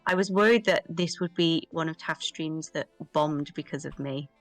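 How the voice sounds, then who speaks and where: A woman talks frankly on a live stream from home, teasing and swearing as she banters. Her voice is fairly low for a woman, heard dry and close with faint music in the background. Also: moderate pace, dry recording. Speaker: guest. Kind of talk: casual chat on a live stream.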